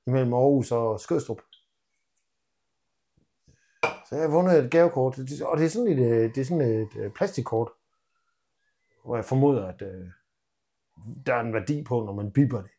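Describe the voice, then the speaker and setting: Teasing man, mellow voice. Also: medium pitch, pauses often. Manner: joking, teasing, playful storytelling. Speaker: podcast co-host. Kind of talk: casual banter.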